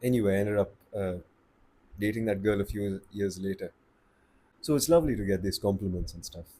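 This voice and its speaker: A man with an Indian accent giving calm, slow-paced advice on speaking to the camera. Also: fairly low pitch, slight background noise. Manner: slow, calm and deliberate, with pauses. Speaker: voice coach. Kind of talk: casual advice talk to camera.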